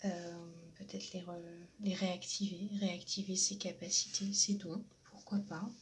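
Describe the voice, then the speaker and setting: A woman giving a spiritual oracle card reading. She talks hesitantly with many fillers and often drops into a soft half-whisper. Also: on the low side, flat delivery, a little slow, slight background noise.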